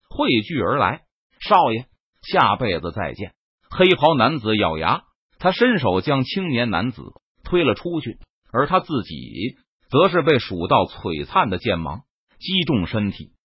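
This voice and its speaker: A man's voice: medium pitch, husky, dry recording. A man reading a web novel aloud as scripted narration, dramatic and swelling on the battle passages. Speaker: audiobook narrator. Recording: dull, lo-fi, dry recording.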